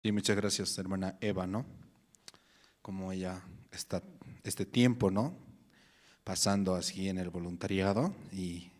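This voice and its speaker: A man with a Bolivian Spanish accent leading a church prayer service, making unhurried remarks. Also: low-pitched, a little mellow.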